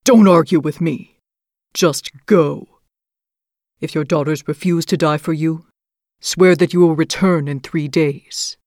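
A woman's voice: low voice, a little slow, a little mellow, no echo, clean studio sound. A woman voicing a stern, proud male beast in a storybook reading. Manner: stern, commanding.

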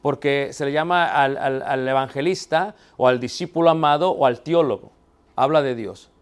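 A man's voice: mid-range voice, normal speed, clear, resonant tone. A man teaching a theology class, asking the students questions and checking that they are following. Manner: poses rhetorical questions and answers them himself. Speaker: Bible teacher.

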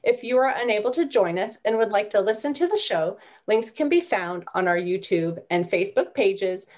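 A woman podcast host presenting her show and talking with a guest in an orderly, prepared way. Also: medium pitch. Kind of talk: scripted show introduction, then interview chat.

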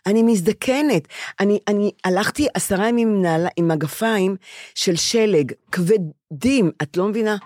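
An older woman co-hosting a podcast chats casually, telling her stories with emphasis and often repeating herself. Her voice is medium-pitched with a darkish tone, recorded cleanly in a studio with no echo.

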